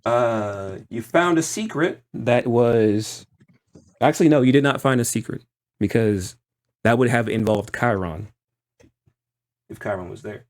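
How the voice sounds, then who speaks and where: Halting man running a tabletop game. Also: medium pitch. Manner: halting, piecemeal narration. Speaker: game master. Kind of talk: narrating a tabletop roleplaying game.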